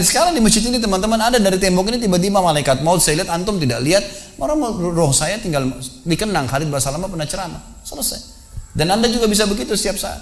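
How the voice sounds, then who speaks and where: A man preaching a sermon, telling a story with sudden emphatic raised bursts. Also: high voice. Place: large mosque.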